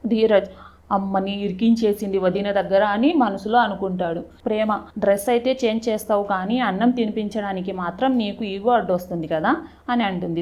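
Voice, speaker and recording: Female recapper, mid pitch, chatty retelling of a TV serial with quoted dialogue. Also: dull audio. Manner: quick retelling with frequent restarts and self-corrections.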